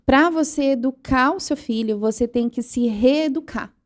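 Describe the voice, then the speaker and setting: A woman in her thirties with a Brazilian Portuguese accent talks earnestly as a podcast guest, and she acts out the lines she quotes. Her voice sits high. She is recorded in a podcast studio. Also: moderate pace. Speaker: guest, parent educator. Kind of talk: interview conversation.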